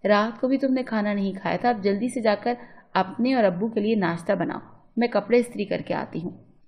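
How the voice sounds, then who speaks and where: A woman's voice: medium pitch, fairly quick, highs cut off, natural voice. A woman voicing a stern, secretive middle-aged mother who scolds her daughter curtly in a storybook reading. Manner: curt, scolding.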